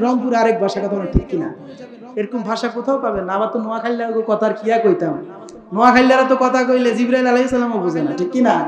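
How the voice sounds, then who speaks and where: Young preacher with a very high, chanting voice. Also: male voice, roomy sound. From Rangpur, Bangladesh. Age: young adult. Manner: sing-song chanting cadence, rising to shouts, asks the crowd for responses. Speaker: Islamic preacher. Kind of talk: fiery sermon at a religious gathering.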